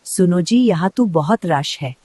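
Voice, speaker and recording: A kind grandmother who soothes and organizes her family, her voice sitting a little low and calm, played by a woman. The recording is dry and close with no room sound. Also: measured pace, slightly rough, no echo. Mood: caring. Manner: soft, gentle, reassuring. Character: kind, caring grandmother, gentle and practical. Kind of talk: family drama acting.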